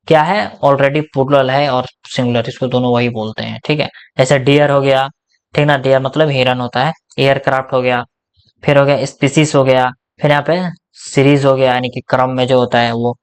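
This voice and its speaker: A man's voice: medium pitch, clear, resonant tone. A man with a Hindi accent teaching an English grammar lesson in a casual explanatory way, asking questions and answering them himself. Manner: asks questions and answers them himself, repeats "ठीक ना?" often.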